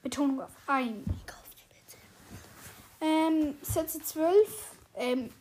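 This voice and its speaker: A woman casually chatting while playing a survival game, excitedly narrating everything she does. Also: high voice, extremely slow, a little hiss or hum. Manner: excitable, narrates her own moves aloud. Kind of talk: casual gameplay chat.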